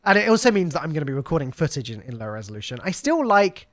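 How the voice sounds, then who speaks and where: A man's voice: on the high side, very animated, very fast, fairly bright tone, dry recording. A man hosting a live podcast, chatting casually, laughing often and talking with lots of fillers and restarts. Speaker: podcast host.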